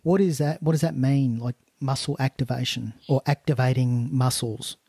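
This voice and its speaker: A man's voice: mid-range voice, steady tone, normal speed, vocal fry, warm tone, breathy edge, no echo. Male podcast host, dry close sound. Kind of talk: casual interview questioning.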